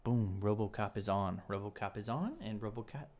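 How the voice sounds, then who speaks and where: A man's voice: lowish voice, moderate pace, noisy background. A young man hosting a casual live stream, chatting loosely with viewers while snacking at a table. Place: indoors at a table, eating snacks.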